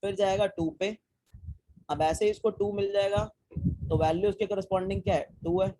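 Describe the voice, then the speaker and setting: A man's voice: high voice, fairly even intonation, normal speed, warm tone, low-quality recording. A young man teaching a live online coding class, talking students through code step by step, asking them questions and mixing English technical terms into casual Hindi. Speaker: programming teacher.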